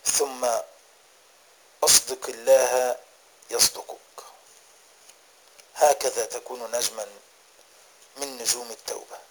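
A man's voice: medium pitch, little pitch movement, slow pace, pauses often, low-quality recording. A man delivering a dramatic sermon, telling a moral story and rising to emphatic exhortation. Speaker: preacher.

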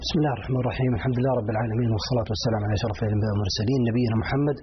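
Very fast-talking Saudi male educator. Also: mid-range voice, steady tone, a loud crowd. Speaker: guest educator, former school principal. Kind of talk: studio interview answers. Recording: dull lo-fi audio, faint noise.

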